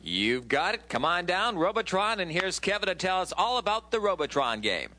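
Bright, upbeat male game show host. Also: sits high, very animated, normal speed. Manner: addresses contestants directly with questions and announcements. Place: television studio game show set.

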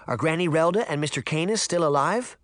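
Male reader as a polite, earnest little girl in a storybook, pitched up. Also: animated, brisk, fairly bright tone, no room sound, studio quality.

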